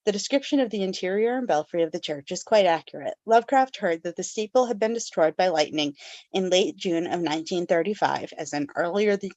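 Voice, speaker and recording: A woman's voice: lowish voice, expressive, a little fast, a little mellow, no room sound. A woman hosting a casual book club podcast, reading background notes and then summarizing the story with fillers and laughs. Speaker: podcast host.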